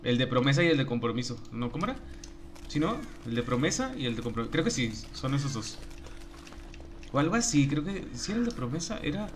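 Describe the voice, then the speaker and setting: A man's voice: medium pitch, sing-song, fast, slight background noise. A young man with a Mexican accent, a streamer joking and laughing as he reads his chat aloud. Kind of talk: casual live-stream chat.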